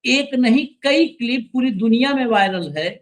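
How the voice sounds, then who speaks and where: A man's voice: extremely high pitch, normal speed, rough recording. A man hosting an opinionated news commentary show, speaking in a sarcastic, emphatic way and directing the crew to roll clips.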